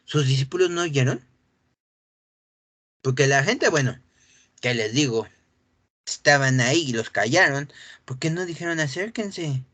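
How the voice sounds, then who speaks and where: A man preaching with real animation, leaping up in pitch when he acts out the scripture scene. He often stops to clear his throat. The recording is dry and close, with little room sound. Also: lively intonation, measured pace, long pauses, fairly bright tone, dry recording. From Mexico. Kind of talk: sermon.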